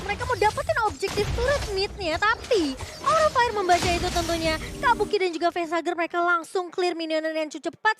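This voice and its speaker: An Indonesian woman works as an esports shoutcaster. Her pitch is strikingly high and she talks quickly, following the match with live play-by-play commentary.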